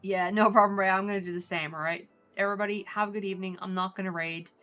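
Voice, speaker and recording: A woman's voice: mid-range voice, fairly even intonation, quick pace, a bit bright, soft background music. Sleepy, chatty Irish woman streamer. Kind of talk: casual game stream chat.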